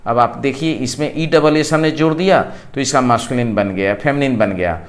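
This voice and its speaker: A man's voice: mid-range voice, normal speed. A man with an Indian accent teaching English grammar, explaining rules and spelling words out letter by letter. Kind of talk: classroom lesson explaining rules.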